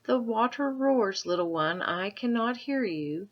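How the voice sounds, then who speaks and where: A woman's voice: fairly high pitch, animated, a little slow, highs cut off, pitched above the performer's own voice. A woman reading aloud and voicing a stern, impatient mother who scolds her son. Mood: dismissive. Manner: haughty, scolding.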